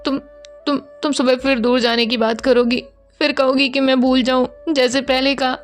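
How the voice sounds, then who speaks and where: A woman's voice: high-pitched, level tone, moderate pace, faint music behind, lightly acted. A woman voicing a crying young woman who stammers and repeats her words as she pleads with her lover. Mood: tearful pleading.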